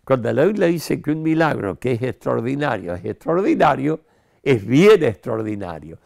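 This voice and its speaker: A man's voice: mid-range voice, big pitch swings, moderate pace, vocal fry, darkish tone. An older man, a pastor, preaching to camera from a studio set with a lapel mic, emphatic and gesturing with his hands. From Argentina. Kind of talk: promotional sermon to camera. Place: studio set with city backdrop.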